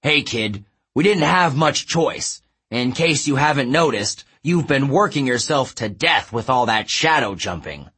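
A man voicing a gruff, boastful male satyr coach in an audiobook, with a husky, blustery delivery. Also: medium pitch, lively intonation, pushed and bright, full character voice. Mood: brash. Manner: blustery, boastful, talks fast in bursts. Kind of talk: audiobook character voice.

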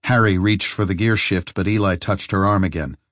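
Male audiobook narrator, lowish voice, steady even delivery, dry close recording. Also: a little fast, no room sound. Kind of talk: scripted narration.

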